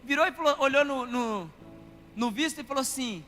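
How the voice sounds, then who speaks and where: A man's voice: very high voice, moderate pace. A Brazilian man preaching as a pastor, telling a story and calling the congregation "querido" and for amens. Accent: Brazilian Portuguese. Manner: animated, addresses listeners as "querido" and calls for amens. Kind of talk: storytelling sermon. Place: church hall. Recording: reverberant church hall with faint music.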